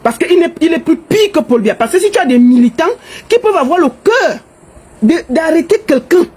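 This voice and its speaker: A woman's voice: very high-pitched, expressive, fairly quick, a little mellow, poor audio. A middle-aged woman from Cameroon with a Cameroonian French accent, an exiled political activist giving an impassioned monologue to camera, emphatic and repetitive.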